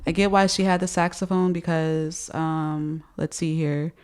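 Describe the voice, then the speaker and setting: Low-voiced woman talking with retainers in. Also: steady tone, measured pace, darkish tone, clear, resonant tone. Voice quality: speech slightly affected by wearing dental retainers. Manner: hesitant, repeats words while thinking. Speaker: music commentator. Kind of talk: casual reaction commentary.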